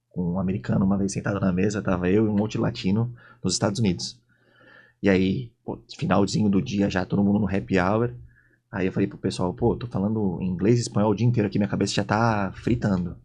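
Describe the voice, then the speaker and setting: A Brazilian man with a Brazilian Portuguese accent, a podcast guest telling lively anecdotes and acting out the dialogue. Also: sits low, quick pace, husky. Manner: animated storyteller, acts out dialogue in voices. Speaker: guest, logistics sales executive. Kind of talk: casual podcast interview storytelling.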